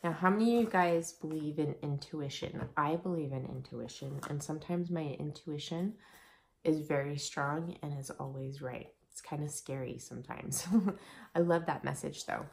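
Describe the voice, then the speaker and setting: Slightly hoarse, chatty woman vlogger. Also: low voice, moderate pace, darkish tone, a little hiss or hum. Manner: chatty, upbeat, laughs often. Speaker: beauty vlogger. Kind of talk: casual product review.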